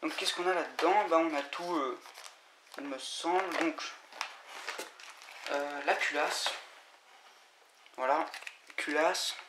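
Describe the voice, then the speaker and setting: A man giving a casual, halting unboxing commentary, full of fillers and restarts. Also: on the high side. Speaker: vlogger unboxing scooter parts. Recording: echoey room with loud noise and crinkling.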